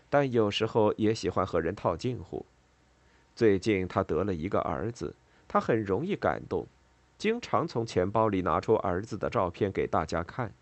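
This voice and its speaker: A man narrating an audiobook novel in an expressive, steady storytelling manner. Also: fairly low pitch, no echo.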